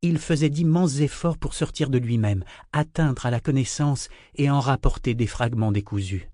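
A man narrating an audiobook in a measured, steady reading. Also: mid-range voice, no echo, studio quality.

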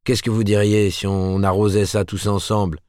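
Man voicing a hearty editor, old boxer, good-humoured, deep, dry sound. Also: level tone, moderate pace, a little mellow, no room sound, natural voice. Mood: jovial. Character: jovial male editor, ex-boxing champion.

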